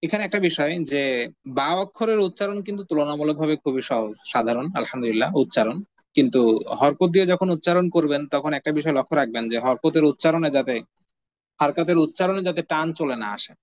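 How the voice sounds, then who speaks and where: A man teaching the Arabic alphabet in an online lesson, patiently drilling letter sounds with steady repetition. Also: on the high side, fast, no room sound. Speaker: Quran reading teacher. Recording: dull lo-fi audio.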